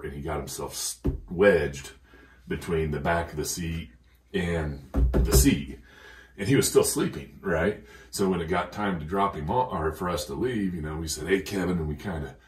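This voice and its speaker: Deep-voiced man telling stories, echoey. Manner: rambling, laughs through his stories. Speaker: podcast guest. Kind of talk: casual chat, storytelling. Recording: echoey room, distant from mic.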